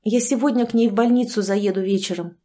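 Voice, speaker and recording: A woman voicing a worried pregnant young woman who talks softly and anxiously with her family and doctor. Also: medium pitch, steady tone, quick pace, lightly acted. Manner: soft, anxious, then firm.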